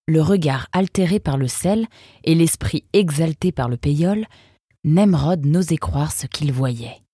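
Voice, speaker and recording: A woman narrating a storybook in a measured, unhurried way. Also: low-pitched, slightly rough, no room sound, studio quality. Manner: measured, even, unhurried reading.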